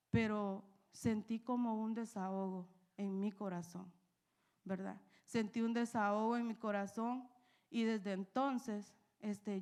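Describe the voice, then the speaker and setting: A woman's voice: on the high side, darkish tone. A young woman preaching, telling a personal testimony with emotion and frequent "¿verdad?" asides. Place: church.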